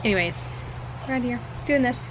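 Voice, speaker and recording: A woman's voice: fairly high pitch, lively intonation, brisk. A woman vlogging outdoors in a casual chat to her camera, rambling and correcting herself as she goes. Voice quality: rambling, chatty, self-correcting. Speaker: beauty vlogger. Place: outdoors, walking and at a backyard swing. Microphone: camera mic, handheld then on a tripod. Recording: outdoor noise behind the voice.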